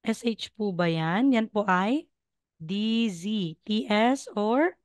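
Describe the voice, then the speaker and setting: A woman's voice: mid-range voice, lively intonation, slow, dry recording, studio quality. A woman from the Philippines teaching Korean over a video call, patiently coaching students and repeating sounds. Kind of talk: online class teaching.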